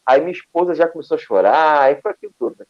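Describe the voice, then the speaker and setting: A man from Brazil, a guest telling a personal story in casual talk, animated and acting out quoted dialogue with many restarts. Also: on the high side, racing, highs cut off.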